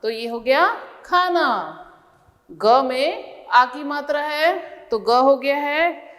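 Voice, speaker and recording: Woman teacher, high voice, sounding out letters super slow for little kids, echoey room. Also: fairly bright tone. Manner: sounds out letters and syllables one by one. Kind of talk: kindergarten reading lesson.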